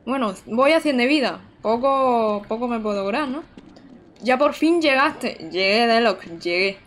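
A woman's voice: on the high side, a little slow, slight background noise. A young woman, chatting to her viewers while playing a game live. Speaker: streamer. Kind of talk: live gameplay commentary.

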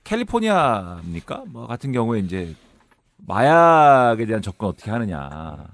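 Speaking at a normal speed in a fairly low voice, a man works through politics as a studio commentator guest. His talk is analytical and explanatory, laying things out step by step, and his tone jumps lively between sudden rises and drops.

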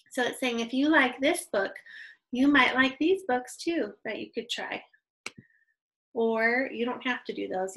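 A woman's voice: fairly high pitch, a bit bright, poor audio. A young adult woman teaching an online reading lesson to young children, patient and encouraging, on a computer microphone.

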